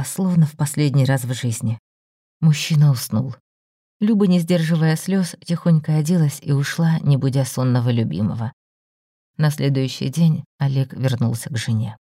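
A woman narrating a written story in an even, measured way. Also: low-pitched, no room sound, studio quality.

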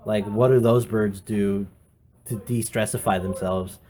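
A man's voice: lowish voice, steady tone, a little slow, dark tone. A man, an executive producer, delivering a playful mock lecture in comic banter.

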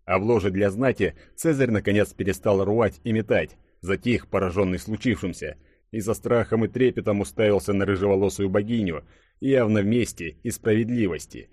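A man reading an audiobook in a dramatic, measured storytelling manner. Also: fairly low pitch, darkish tone, no echo, clean studio sound. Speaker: audiobook narrator. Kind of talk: scripted audiobook narration.

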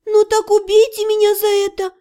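Woman doing a squeaky, flustered young mage. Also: completely flat delivery, normal speed, dark tone. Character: frightened young female mage heroine.

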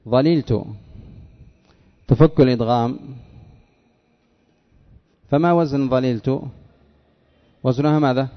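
A man teaching an Arabic morphology lesson, quizzing his students and repeating words slowly to drill them. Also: mid-range voice. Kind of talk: classroom lesson. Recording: dull lo-fi lesson recording.

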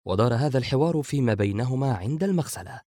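A man's voice: mid-range voice, animated, very fast, dark tone, dry recording. Man reading a novel aloud, dry. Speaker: audiobook narrator. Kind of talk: scripted narration.

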